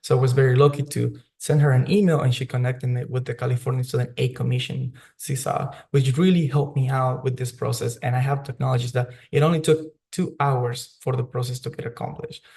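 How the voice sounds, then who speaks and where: Speaking at a news briefing by remote call, a young adult student leader raised in Mexico tells his story earnestly and personally, sometimes restarting. His mid-range voice is steady, creaky and a little mellow, brisk with hardly any pauses.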